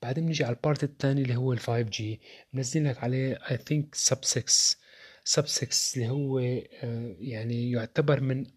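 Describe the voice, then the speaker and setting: Opinionated young male tech vlogger, Levantine accent, rapid delivery, slightly raspy tone. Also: mid-range voice, fairly even intonation, a little mellow. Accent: Levantine Arabic. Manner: opinionated, rhetorical, addresses viewers directly. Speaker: tech reviewer. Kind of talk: casual tech opinion talk.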